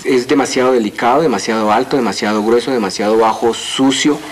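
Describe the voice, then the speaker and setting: A man's voice: mid-range voice, a little fast, slight background noise. A man, a voice coach, explaining his craft in an earnest, lecturing way. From Colombia. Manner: earnest, lecturing, lists things out. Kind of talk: TV interview.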